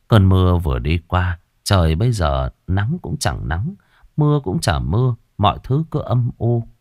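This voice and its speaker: A man narrating an audio story with expressive, emotive delivery. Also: sits low, no echo, clean studio sound.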